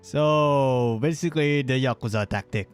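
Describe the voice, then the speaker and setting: A man's voice: medium pitch, normal speed, clear, resonant tone, faint music behind. A man streaming a video game, rambling, stammering, swearing and joking as he plays. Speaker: VTuber streamer. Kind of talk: casual gaming live stream commentary.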